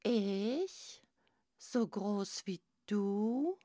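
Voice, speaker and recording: A woman's voice: sits high, animated, slow, a little mellow, no room sound, studio quality, pitched above the performer's own voice, heavily acted. A woman voicing a small, timid young male crab who stammers in wonder, in a storybook reading. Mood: awed.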